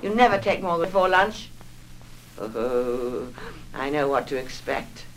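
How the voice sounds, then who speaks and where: A woman's voice: a bass voice, expressive, slow, slight background noise, heavily acted, low-quality recording. An actress in 1960s film acting playing a nervous, fragile middle-aged mother who talks anxiously and defensively, rambling on.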